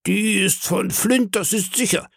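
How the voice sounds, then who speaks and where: A man voicing a gloating male pirate crewman who speaks in a slow, drawn-out way, in a storybook reading. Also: sits high, gravelly, fairly bright tone, husky, no echo, studio quality, voice pushed up, heavily acted.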